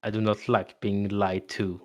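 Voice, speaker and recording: A man's voice: on the low side, flat delivery, unhurried, natural voice. A man voicing an aloof, dismissive male raccoon dog healer in a cold, formal tone.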